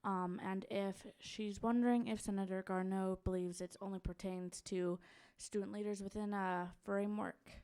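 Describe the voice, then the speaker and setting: A woman reads a question back from the minutes as recording secretary. Her voice has a gravelly fry and stays level in pitch. She sounds hesitant as she works through the wording. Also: level tone, normal speed, mellow.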